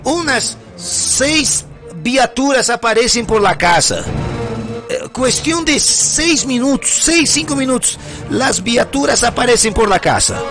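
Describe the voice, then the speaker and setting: A man's voice: very high voice, animated, measured pace. A man narrating his own story in a confessional, agitated way, with music behind. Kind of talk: dramatized true-story narration.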